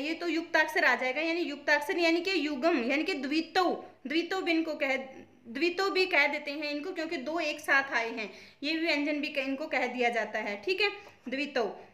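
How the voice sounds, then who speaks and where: A woman's voice: very high voice, sharp tone. A woman teaching an exam-prep grammar lesson, explaining step by step by asking questions and answering them herself. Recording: echoey room.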